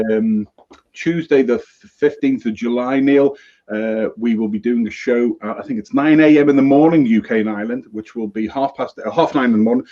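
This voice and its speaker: A male live-stream host with a warm, mid-range voice keeps things casual and cheerful, addressing people as mate. He comes through off-screen on a remote audio feed, and the recording sounds dull and lo-fi.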